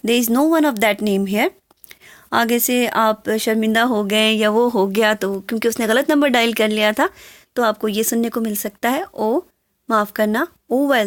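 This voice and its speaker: A woman with a fairly high voice gives a spoken English lesson, going through phrases word by word. Her first language is Urdu, and she reads the English examples slowly and carefully. The sound is dry and close. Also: no room sound. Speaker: English teacher.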